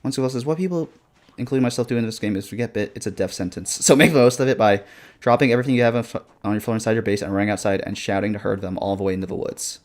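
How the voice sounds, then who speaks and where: A man's voice: lowish voice, very fast, a little mellow. A man streaming a horror game live, commenting casually with slang and reacting in a scared, jumpy way. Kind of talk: live gaming commentary with asides to chat.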